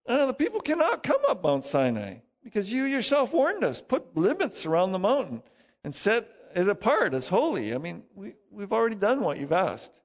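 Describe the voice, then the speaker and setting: A man's voice: high voice, huge pitch swings, moderate pace, muffled recording, heavily acted. A male pastor voicing a flustered ancient prophet who protests hesitantly, in a sermon. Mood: protesting.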